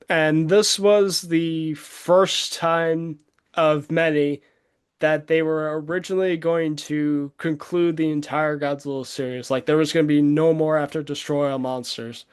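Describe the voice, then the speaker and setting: A man's voice: on the high side, fairly even intonation, measured pace, clean tone. A man chatting casually as co-host, rambling with many fillers and frequent laughs. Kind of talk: casual chat.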